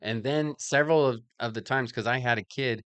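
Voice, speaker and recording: A man's voice: medium pitch, brisk, fairly bright tone, no echo. A man in casual podcast chat, relating his own experiences in a thoughtful way. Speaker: podcast co-host.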